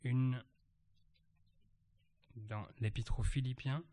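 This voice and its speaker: A man at a church meeting reading Bible verses aloud and reflecting on them, halting and searching for words. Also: mid-range voice, steady tone, mellow. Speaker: church member sharing a reflection.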